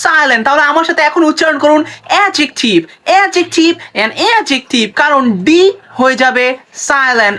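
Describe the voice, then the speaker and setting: A woman teaching English pronunciation in a short video lesson, repeating each word slowly and asking viewers to say it with her. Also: high-pitched, bright, forceful tone. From Bangladesh. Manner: repeats words slowly, drills viewers, urges sharing.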